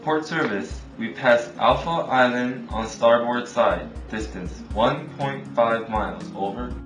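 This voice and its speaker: A man's voice: mid-range voice, a little slow. A man as a ship's officer reading back on marine radio. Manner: formal radio procedure, repeats back orders. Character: male ship's radio officer, calm and compliant. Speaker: ship's officer of a motor vessel. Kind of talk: scripted maritime radio role-play. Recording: echoey room with music underneath.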